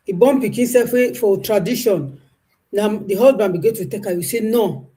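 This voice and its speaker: A woman's voice: medium pitch, normal speed, mellow. A woman speaking in a Nigerian Pidgin accent, a guest in the conversation who complains in clipped, indignant phrases. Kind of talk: casual conversation.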